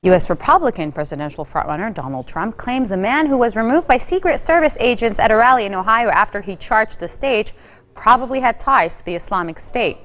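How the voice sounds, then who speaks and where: A woman news anchor reading a scripted bulletin with a steady, even delivery. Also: medium pitch.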